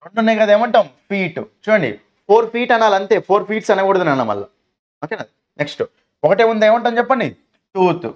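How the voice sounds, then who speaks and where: A man's voice: high voice, animated, quick pace, muffled recording. A man with a Telugu accent teaching an English grammar lesson, asking questions and answering them himself. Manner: asks questions and answers them himself, calls students "nanna".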